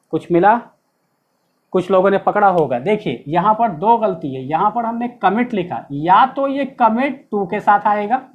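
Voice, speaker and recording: A man's voice: high-pitched, narrow, tinny audio. A man teaching English grammar in a classroom-style lesson, explaining step by step and checking with rhetorical questions. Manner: explains step by step, asks rhetorical questions, stresses key words.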